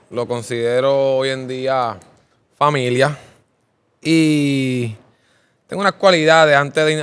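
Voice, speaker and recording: A man hosting a relaxed sit-down interview, his voice smooth and clear and sitting a little high. He sounds upbeat and keeps tossing in a quick questioning filler as he talks. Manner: upbeat, repeats "¿verdad?" as a filler. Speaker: interviewer host. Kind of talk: casual interview.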